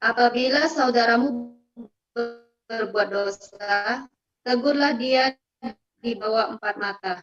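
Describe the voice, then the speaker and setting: A woman reading a Bible passage aloud over a remote video call, her voice cutting in and out as the connection breaks up. She reads haltingly and drags out words. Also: on the high side, over music. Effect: choppy, breaking-up online call audio. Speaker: congregation member reading scripture. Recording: dull lo-fi audio from a distance.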